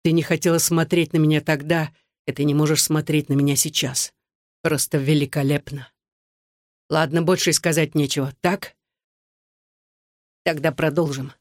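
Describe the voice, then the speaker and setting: A reader voicing an anguished, bitter soldier husband who speaks low and clipped through gritted teeth, in an audiobook. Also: male voice, little pitch movement, moderate pace, pauses often, no room sound, studio quality, close to an everyday voice. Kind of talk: audiobook dialogue.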